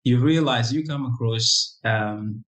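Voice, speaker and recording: A man's voice: mid-range voice, fairly bright tone, poor audio. Reflective man from Congo telling his story. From Democratic Republic of Congo. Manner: reflective, halting, many restarts and "you know". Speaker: interview guest. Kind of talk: personal storytelling in an interview.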